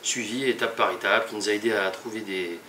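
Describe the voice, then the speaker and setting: A young man with a lowish voice presents a project, halting and restarting as he goes. He sounds some distance from the mic, in a room with a noticeable echo, with faint ambience behind him. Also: fairly even intonation, sharp tone, a little hiss or hum. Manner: many fillers and restarts, halting. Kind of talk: hesitant spoken presentation.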